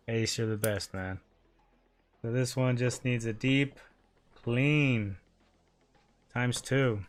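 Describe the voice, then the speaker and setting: A man's voice: medium pitch, drawn-out words, long pauses, slight background noise. A man hosting a console repair stream, chatting casually and muttering to himself while he works, with casual swearing. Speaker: repair channel host.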